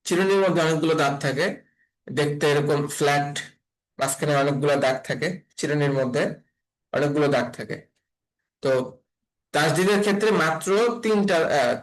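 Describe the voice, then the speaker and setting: A man's voice: fairly high pitch, rough recording. A man teaching an online Quran reading class, patiently spelling out letters and repeating each sound.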